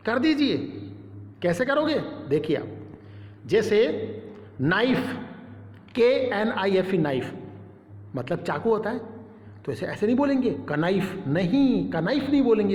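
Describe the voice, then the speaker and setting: A male teacher giving a step-by-step lesson, spelling out letters and repeating each word. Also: high voice. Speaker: English teacher. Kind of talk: classroom-style lesson. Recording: echoey room with long reverb.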